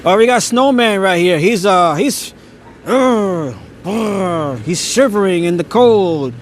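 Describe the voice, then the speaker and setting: A man speaks slowly in a high-sitting voice with lively intonation, narrating a casual live stream as he strolls a neighborhood street lit for the holidays at night. Wonder fills his voice, punctuated by frequent chuckles and occasional stammering. There is slight background noise on the phone, which he holds on a gimbal.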